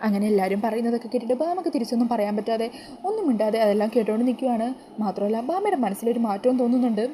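A woman's voice: on the high side, animated, rapid-fire, warm tone, a little hiss or hum. A woman retelling a TV serial episode in a chatty, colloquial storytelling style. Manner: chatty, colloquial narration with tag words.

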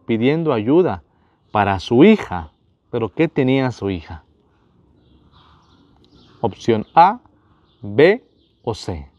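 A man's voice: medium pitch, a little mellow, no echo, highs cut off. A man, a priest, running a Bible quiz for his viewers, asking each question, repeating it, and speaking to them directly.

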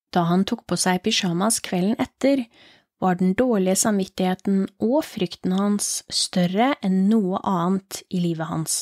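A woman with a Norwegian accent reading a horror story aloud as a podcast host, in a calm, low, steady storytelling voice. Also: dry recording, clean studio sound. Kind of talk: scripted horror story narration.

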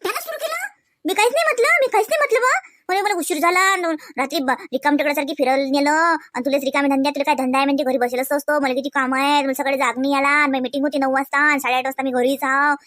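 A woman voicing a young cartoon wife who is sulky and quick to take offense, protesting in rapid indignant questions. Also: high-pitched, steady tone, a bit bright, no room sound, studio quality. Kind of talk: cartoon voice acting.

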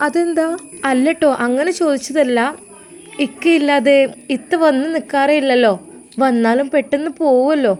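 A woman playing a caring young sister-in-law who asks anxious, quick questions. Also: high voice, darkish tone, natural voice. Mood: worried.

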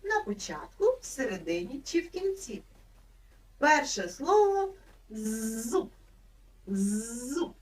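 A woman teacher giving a lesson to young children, slowly drawing out each word and gently encouraging them. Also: fairly high pitch, big pitch swings, far from the mic, slight background noise, low-quality recording. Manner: slow, drawn-out word sounding for small children.

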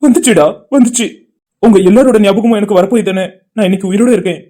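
A woman's voice: medium pitch, fast, mellow, lightly acted. A woman voicing a heartbroken young man in a cartoon, speaking in anguish and guilt. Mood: despairing. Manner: anguished, pleading speech.

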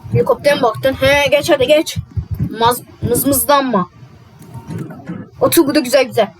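A woman's voice: sits high, steady tone, moderate pace, slight background noise, rough recording. A woman playing out a game roleplay in casual, exasperated, muttering speech. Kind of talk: casual game roleplay, voicing several characters.

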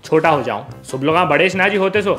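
A man's voice: on the high side, animated, fast talker, a bit bright, soft background music. A young man playing a cheeky, smart-mouthed college student with a Hyderabadi accent in a comedy sketch. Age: young adult. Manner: insolent back-talk, repeating himself.

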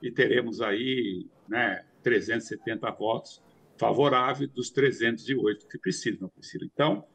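A man's voice: mid-range voice, moderate pace, vocal fry, fairly bright tone, slightly rough. A man in his sixties giving remote news commentary from a home study over a video call, explaining at length with frequent hesitations and repeated fillers.

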